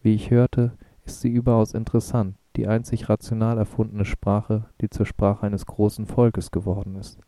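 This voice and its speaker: A man's voice: lowish voice, flat delivery, normal speed, hardly any pauses, mellow, no echo, close to an everyday voice. A man voicing a courteous woman ambassador over sixty with a smoky, sing-song voice, in an audiobook. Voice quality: smoky singsong voice.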